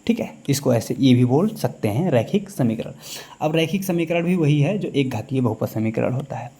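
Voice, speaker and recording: A man teaching a maths lecture in a classroom style, who keeps pausing to ask the class quick check questions. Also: mid-range voice, animated, dark tone, slightly rough.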